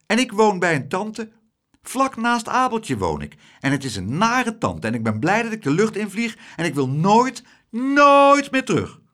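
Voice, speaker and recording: A man voicing an eager, lively little girl in an audiobook, with a high, quick voice. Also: full character voice.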